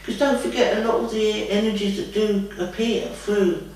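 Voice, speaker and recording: A woman acting as a trance medium answers questions in a homely, rambling way, calling the listener "lovey" in a spiritual guidance session that feels like a casual chat. Her medium-pitched voice is steady and a little mellow at a moderate pace, captured far from the mic in a very echoey room.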